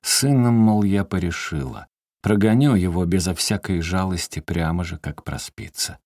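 A man reads a first-person story aloud with a very deep, low voice. He reads expressively and lifts his pitch sharply for heated quoted lines. The recording is dry and close, with no room sound. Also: moderate pace, no room sound. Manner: expressive reading, rising sharply in quoted outbursts. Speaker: audiobook reader.

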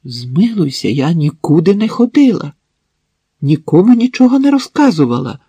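A man reading an audiobook, voicing a desperate, cornered woman who shouts shrilly and hysterically. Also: a little high, lively intonation, unhurried, slightly rough, dry recording. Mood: pleading. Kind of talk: audiobook narration.

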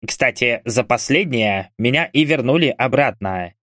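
A man voicing a smug male ghoul, a dark mage who drawls and sneers. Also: medium pitch, expressive, unhurried, no echo, clean studio sound. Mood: smug, mocking.

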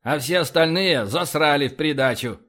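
A man's voice: fairly high pitch, moderate pace, fairly bright tone, natural voice. A man reading an audiobook, voicing a sullen, scornful male astronaut who grumbles.

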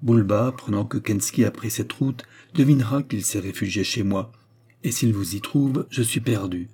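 A man voicing an anxious, pressing man urging others to flee, read as a storybook in a low, husky voice. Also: moderate pace, a little mellow. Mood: urgent. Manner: urgent, pressing. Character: anxious middle-aged male protector, urgent.

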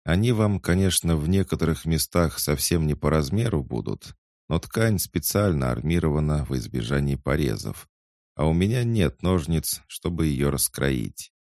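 A practical young woman speaks calmly and disarmingly, as a male narrator puts her on. Her voice sits barely above his very deep register, with a gravelly grain. The sound is close and dry. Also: normal speed, dry recording. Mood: apologetic. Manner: calm, disarming. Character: Marina, practical young woman, calm and wry.

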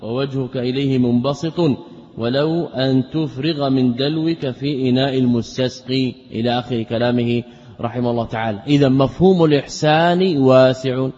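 A man's voice: medium pitch, a little fast, darkish tone. A man teaching a religious text in a classroom lecture, repeating word forms and posing rhetorical questions that he answers himself. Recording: dull lo-fi recording with long hall reverb.

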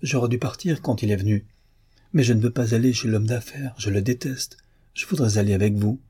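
A man's voice: medium pitch, a little fast, dark tone, husky, no echo, studio quality, close to an everyday voice. A man reading the part of a shy, blunt young peasant girl in an audiobook, with an artless, hesitant delivery. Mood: plaintive.

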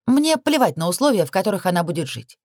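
A woman voicing a defiant, sharp-tongued young heroine who makes mocking retorts. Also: lowish voice, very animated, quick pace, no echo, clean studio sound, voice pushed up.

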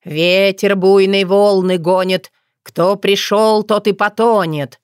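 A woman voicing a fearless, scornful old witch grandmother in a storybook reading, with loud, raised retorts. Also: mid-range voice, sing-song, a little slow, no room sound, clean studio sound. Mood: defiant.

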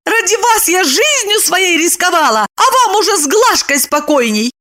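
A shrill, high and jealous woman, as a female audiobook narrator puts her on, leaping far up in pitch with sharp accusing bursts. Her voice swings widely from phrase to phrase, hot and indignant. Storybook character acting. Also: animated, moderate pace, heavily acted.

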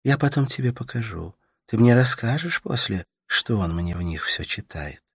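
A man voicing a gentle, caring young woman in an audiobook, in a soft, soothing, sing-song manner. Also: fairly low pitch, lively intonation, moderate pace, slightly rough, no room sound, studio quality, voice pushed up. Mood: wistful. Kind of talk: audiobook character voice.

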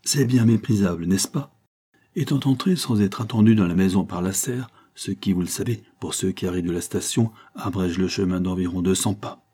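A man's voice: low voice, fairly quick, dark tone, slightly rough. A man reading the part of a bitter, impassioned young lawyer husband in an audiobook, pleading and reproachful. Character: brooding young male lawyer, wounded husband.

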